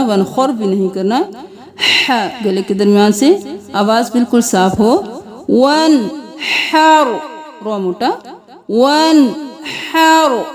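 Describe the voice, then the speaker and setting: High-voiced woman teaching chanted recitation. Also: dark tone. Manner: alternates slow drawn-out melodic chanting with rapid spoken corrections. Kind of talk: word-by-word chanted recitation lesson with corrections.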